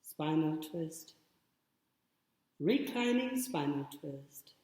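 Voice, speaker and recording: Slow, calm male yoga instructor. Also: on the high side. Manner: calm, short spoken cues with pauses. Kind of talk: guided yoga class. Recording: very echoey room with long reverb.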